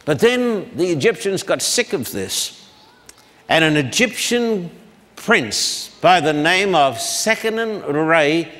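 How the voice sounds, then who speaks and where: A man giving a public Bible lecture at a blackboard, talking slowly and deliberately and sounding out long names syllable by syllable. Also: fairly high pitch, fairly bright tone. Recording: long hall reverb.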